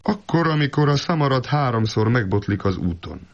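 A man's voice: medium pitch, big pitch swings, pitched above the performer's own voice. A man voicing a knowing passerby in a folk tale, giving matter-of-fact warnings. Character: knowing, calm adult male passerby. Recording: dull lo-fi recording.

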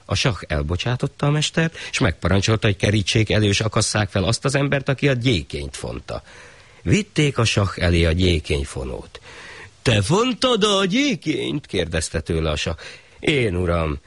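A man reading a folk tale aloud in an expressive storytelling style. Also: low voice, dry recording.

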